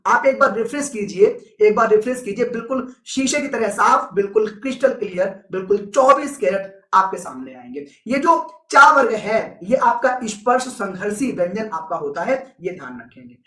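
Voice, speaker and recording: A man's voice: high-pitched, expressive, moderate pace, few pauses, sharp tone, reverberant. A male teacher giving a live online exam-prep lesson, repeating key points with emphasis and answering viewer comments as he goes.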